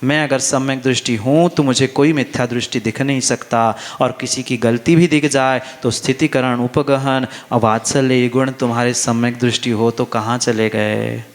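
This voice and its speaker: A Jain monk preaches a sermon to a religious festival crowd in a large hall, his medium-pitched voice steady and his pace moderate with hardly any pauses. He is insistent and emphatic, repeating phrases and putting questions to the audience. The recording carries the long reverb of the big hall.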